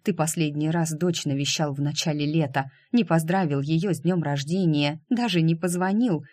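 A man's voice: fairly high pitch, normal speed, a little mellow, no echo, clean studio sound, natural voice. A man voicing a young mother in an audiobook, speaking coldly and defiantly to her ex-husband. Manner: cold and clipped.

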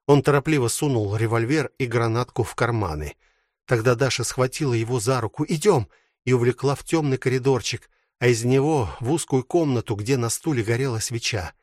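A man narrating a literary audiobook in a measured, expressive way. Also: medium pitch, no echo, studio quality.

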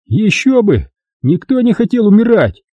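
A crude, hot-headed partner, voiced by a man in an audiobook, speaks in a raised, rough voice. He is blunt and coarse, and the tone is husky and dark. The recording is close and dry. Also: high-pitched, sing-song, normal speed, no echo, pitched above the performer's own voice. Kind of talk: audiobook reading.

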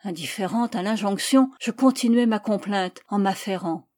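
Calm woman narrating a novel. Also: mid-range voice, no echo. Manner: calm, measured. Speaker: audiobook reader. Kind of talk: first-person novel narration.

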